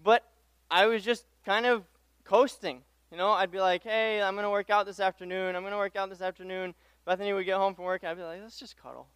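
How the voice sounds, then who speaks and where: This guest preacher, a young Tanzanian pastoral intern at a church pulpit, talks quickly in a high, slightly bright voice with fairly even intonation. The tone is clean with no room sound. His sermon is relaxed, chatty, and self-deprecating, with lots of repetition.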